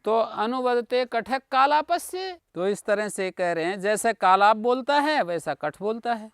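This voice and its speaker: Slow high-voiced man teaching grammar. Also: gravelly, clean tone, no echo, studio quality. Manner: patient, explanatory, checks with listeners ("हैं?", "ना"). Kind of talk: online class lecture explaining grammar. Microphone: video call.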